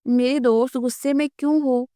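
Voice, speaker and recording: Brief: a calm, kindly magic river snake in a kids' cartoon, read by a woman, with a smooth, higher voice. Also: no echo, studio quality, lightly acted. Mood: friendly.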